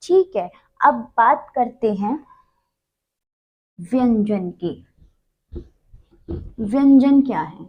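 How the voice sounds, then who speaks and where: A woman's voice: a little high, expressive, very slow, pauses often, breathy edge, dull audio. A woman teaching a Hindi grammar lesson, patiently explaining and drawing out each consonant sound. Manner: uses many fillers.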